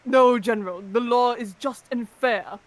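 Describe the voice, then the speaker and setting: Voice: medium pitch, measured pace, close to an everyday voice. A performer voicing an earnest, muscular male captain who speaks in an urgent, dutiful way in an amateur fan reading.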